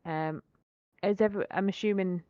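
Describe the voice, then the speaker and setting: A woman's voice: mid-range voice, steady tone, normal speed, dry recording, dull audio. A woman with a Scouse accent chatting casually as a player in a tabletop role-playing game.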